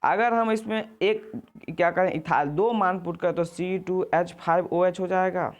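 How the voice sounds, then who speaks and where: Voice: medium pitch, steady tone, measured pace, lo-fi sound. Teacher walking through answers. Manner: repetitive, often self-correcting with "sorry"; checks in with "ठीक है" and "आगे देखिए". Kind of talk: exam answer walkthrough lesson.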